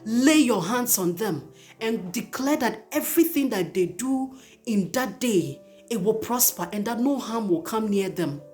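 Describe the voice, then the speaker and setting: A woman's voice: fairly high pitch, animated, unhurried, mellow. Woman host, earnest pleading exhortation, faint music underneath. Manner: earnest, pleading, emphatic repetition. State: emotional. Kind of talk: spoken exhortation to parents.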